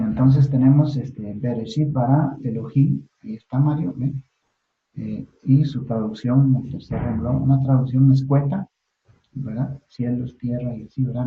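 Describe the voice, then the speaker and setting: Man lecturing with many fillers, phone-like sound. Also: medium pitch. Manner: halting, many fillers and tag questions. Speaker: Bible Hebrew teacher. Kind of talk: recorded class lecture. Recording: echoey room over a phone-like line.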